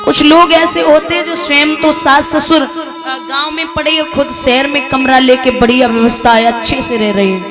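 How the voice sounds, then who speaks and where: A woman storyteller tells a tearful devotional tale and preaches its lesson, talking straight to her listeners. Her voice is high-pitched, and music plays steadily behind the storytelling. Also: fairly even intonation, moderate pace. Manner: emotional, addresses listeners directly.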